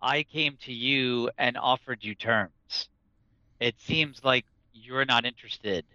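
A hard, forceful hobgoblin leader from a tabletop game acted out by a man, proud and wary. He speaks in measured, haughty phrases with a menacing edge. The sound is close and dry, a little dull. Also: medium pitch, no room sound. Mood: coolly threatening. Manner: measured, haughty, formal speech.

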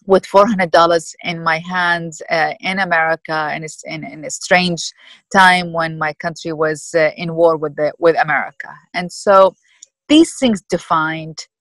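A woman in her fifties from Iraq, answering interview questions thoughtfully with many pauses and fillers. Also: fairly low pitch, a bit bright, no room sound, poor audio. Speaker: guest.

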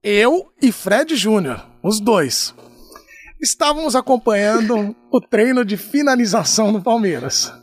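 A man from Brazil, a sports reporter on a podcast, telling stories in a lively casual way and mimicking the people he quotes. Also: sits high, measured pace. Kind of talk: casual storytelling.

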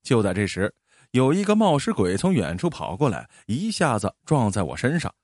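A man telling a first-person story with a very lively, rising and falling voice. His pitch sits mid-range and the recording is dry and close, with no room sound. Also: moderate pace, slightly rough, no echo. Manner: animated, expressive storytelling.

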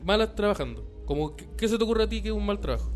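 Fast-talking Chilean podcast man. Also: high voice, sing-song, faint music behind. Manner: rapid, joking, full of slang. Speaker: podcast co-host. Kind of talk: casual comedic chat.

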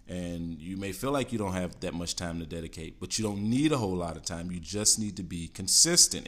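A man's voice: fairly low pitch, fairly bright tone. A man coaching listeners on healthy eating and exercise in a solo podcast episode, casual, often checking in with "all right?" and "okay?". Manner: casual with fillers and self-corrections. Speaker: fitness coach.

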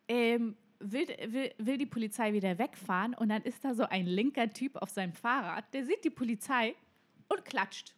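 A woman's voice: fairly high pitch, normal speed. A woman co-hosting a casual podcast, telling a story animatedly and dropping English phrases. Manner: animated storyteller, mixes in English phrases, quotes others dramatically. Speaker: podcast co-host.

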